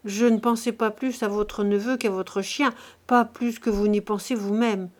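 A woman's voice: medium pitch, fairly even intonation, moderate pace, lightly acted. A woman voicing a blunt, stubborn peasant servant woman who speaks her mind. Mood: insistent.

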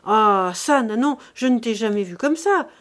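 A stingy old miser barks curt orders, as a woman reads him aloud in an audiobook. His tone stays gruff and dismissive, pitched fairly high and pushed louder than the narration. It is a plain, lightly acted storybook voice. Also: animated, normal speed, close to an everyday voice. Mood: stern.

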